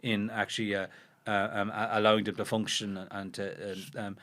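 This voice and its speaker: The speaker is an Irish man, under 50, co-hosting a history podcast; his voice is on the low side, level and a bit bright. In casual back-and-forth he speaks quickly and haltingly, with frequent restarts, fillers and "you know."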